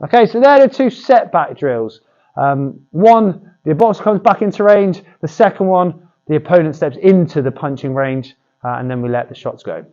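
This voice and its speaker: A man's voice: fairly high pitch, animated, moderate pace, dark tone, lo-fi sound. A man coaching boxing pad work, demonstrating drills with short cues and encouragement.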